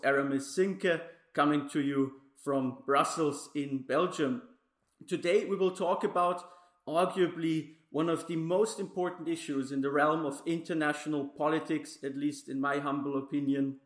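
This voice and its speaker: A male podcast host reads a scripted introduction in a formal, measured way. His voice sits a little higher than most men's. The recording has a noticeable room echo around it. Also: fairly even intonation. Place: Brussels. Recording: roomy echo.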